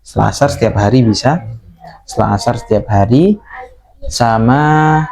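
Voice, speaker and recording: A man's voice: medium pitch, normal speed, vocal fry, a little mellow, poor audio. A man from Indonesia teaches a Quran recitation lesson, explaining patiently and repeating sounds to demonstrate them. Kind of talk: slow explanatory tajwid lesson.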